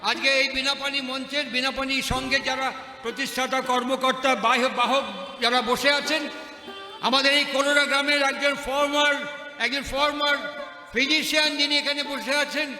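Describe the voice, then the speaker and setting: High bright man preaching in an echoey hall. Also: level tone, moderate pace. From West Bengal, India. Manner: rhetorical questions, repeating phrases. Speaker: religious speaker. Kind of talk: sermon with storytelling. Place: outdoor festival stage. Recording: echoey hall with music behind.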